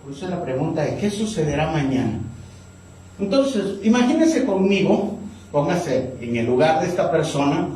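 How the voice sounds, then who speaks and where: A man preaching a sermon, acting out a story and pitching up for the characters' lines. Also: very animated, moderate pace, dark tone. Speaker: pastor. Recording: very echoey room, distant mic, faint noise.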